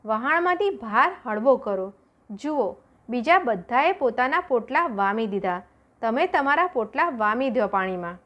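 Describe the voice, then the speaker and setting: A woman voicing a calm, devout woman who firmly reassures a frightened man during a storm at sea. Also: on the high side, measured pace, dull audio. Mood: reassuring. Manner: calm, firm.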